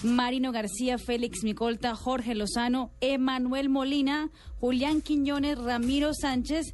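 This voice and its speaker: A woman's voice: sits high, fairly even intonation, a little slow, darkish tone, soft background music. A woman reading out sports news on a radio panel.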